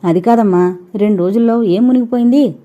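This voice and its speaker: A woman voicing a gentle, soft-spoken young wife caught between mother and husband, on a dull lo-fi recording. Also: lowish voice, moderate pace, lightly acted. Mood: pleading.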